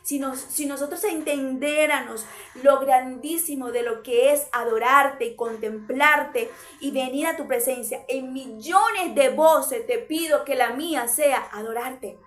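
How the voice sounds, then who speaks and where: A woman's voice: high-pitched, takes it slowly, hardly any pauses, fairly bright tone, reverberant, faint music behind. A woman preaching a sermon, hammering her point home in short, repeated parallel phrases.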